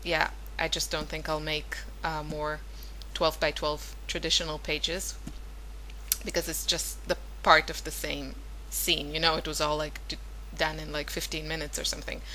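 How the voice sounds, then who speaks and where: Low, level, and sharp in tone at a normal speed, this Hebrew-speaking woman chats her way through a scrapbooking voice-over, correcting herself and leaning on fillers. The poor recording has a little hiss or hum.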